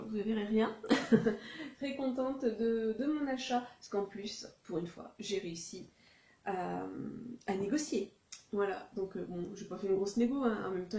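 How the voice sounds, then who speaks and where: A woman chats through her second-hand finds in a relaxed, halting way, often pausing and correcting herself. Her voice is mellow and soft-edged. The recording carries the echo of a room at home. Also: mid-range voice. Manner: chatty, many hesitations and self-corrections. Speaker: second-hand fashion vlogger. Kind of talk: casual haul video chat. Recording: echoey room.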